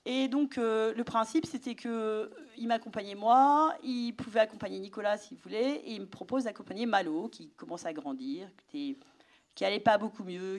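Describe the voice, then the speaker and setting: A middle-aged woman giving a personal testimony to an audience, telling her story with animation and sometimes dropping to a whisper. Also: mid-range voice. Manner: animated storytelling, drops to a whisper for inner thoughts.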